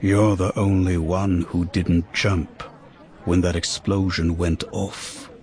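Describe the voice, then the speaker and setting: A man's voice: low-pitched, flat delivery, takes it slowly, a little mellow, pitched below the performer's own voice. A man voicing a grim, menacing male warrior prisoner who speaks in terse, clipped lines. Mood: cold, terse. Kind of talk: audiobook character voice.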